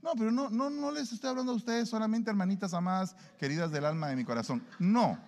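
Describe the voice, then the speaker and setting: A man preaching a sermon in an animated way, acting out everyday dialogues. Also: high voice, fast. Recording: long hall reverb.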